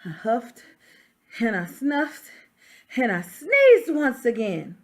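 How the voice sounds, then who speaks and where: A woman's voice: on the high side, huge pitch swings, exaggerated voice. A woman voicing an aggrieved male wolf who tells his side of a children's story in a folksy, self-justifying, emphatic way. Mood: indignant. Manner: dramatic, emphatic, with drawn-out stressed words. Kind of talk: storybook read-aloud for children.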